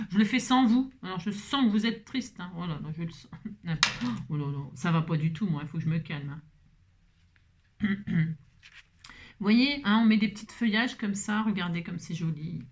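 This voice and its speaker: A woman hosting a craft tutorial, chatting playfully to herself and her viewers and breaking into song. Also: mid-range voice.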